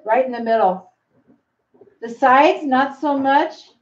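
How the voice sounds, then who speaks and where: A grandmother with a high voice chats away on her cooking livestream and talks straight to the viewers. She speaks from her home kitchen. The audio sounds dull and lo-fi. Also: slow. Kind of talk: casual livestream chat while cooking.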